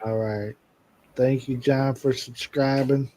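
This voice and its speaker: A man co-hosting a casual live stream with his wife, chatting loosely, thanking viewers by name and filling pauses with "uh". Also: medium pitch, steady tone. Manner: chatty, shouts out viewers, many "uh" fillers.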